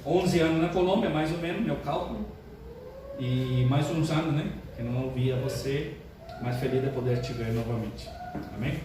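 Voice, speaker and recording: An older man, a pastor, opening his sermon with jokes in a chatty, animated way. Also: medium pitch, moderate pace. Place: church sanctuary. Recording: echoey church hall, distant mic, room noise.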